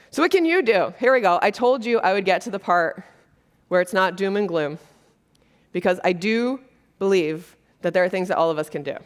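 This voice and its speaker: A keynote speaker from Brazil, a woman, stands on a conference stage before an audience. Her medium-pitched voice is expressive and moves at a moderate pace, and she speaks earnestly and conversationally with frequent fillers.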